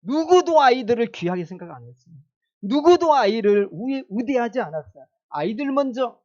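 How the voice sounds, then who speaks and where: A man's voice: extremely high pitch, sing-song, a little fast, darkish tone, highs cut off. A male pastor preaching a sermon in a casual, conversational way, asking the congregation questions and chuckling now and then.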